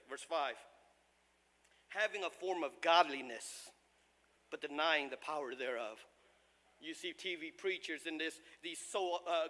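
A male pastor who grew up in the United States, preaching a sermon with impassioned, shouted emphasis and frequent stumbles. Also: high-pitched. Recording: long reverb of a large hall.

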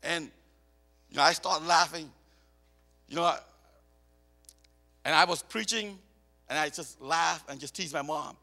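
Missionary preacher, man born in Cambodia and raised in America; high, bright, gravelly voice, animated delivery that repeats and restarts, echoey church hall. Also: measured pace, long pauses. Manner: animated, repeats words and restarts, tells personal stories. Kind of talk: sermon.

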